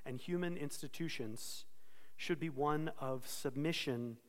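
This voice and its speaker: Pastor, male, somewhat high voice, earnest sermon delivery, reverberant hall. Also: measured pace. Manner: earnest expository preaching with self-corrections.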